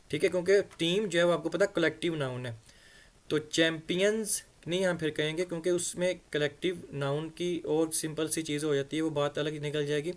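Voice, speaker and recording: Man slowly drilling English pronunciation. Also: a little high. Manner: reads English phrases slowly, then explains them at length; repeats words to drill pronunciation. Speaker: English teacher. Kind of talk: explaining an English story in Urdu.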